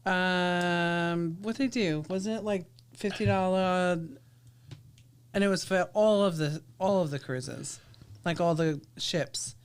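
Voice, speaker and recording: A woman co-hosting a casual live cruise stream with her partner, affectionate and quick to laugh. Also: fairly low pitch, clean tone. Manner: affectionate, laughs often, short replies. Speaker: co-host of a live cruise show.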